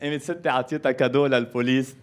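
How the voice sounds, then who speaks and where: A man's voice: mid-range voice, steady tone, racing. A man with a Lebanese accent performing stand-up storytelling on stage, acting out dialogue and switching into accented English. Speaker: stand-up comedian. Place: comedy club stage before an audience. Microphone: handheld microphone.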